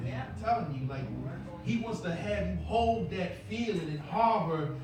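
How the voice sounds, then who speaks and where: A high-pitched man preaches in a large, echoing church, his voice captured from well back in the room. The congregation murmurs replies around him as he builds toward shouted peaks. The sound is distant and full of reverb. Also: expressive, normal speed, music in the background. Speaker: minister. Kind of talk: call-and-response sermon. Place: church sanctuary. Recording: echoey church heard from a distance with congregation responses. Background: congregation calling back responses.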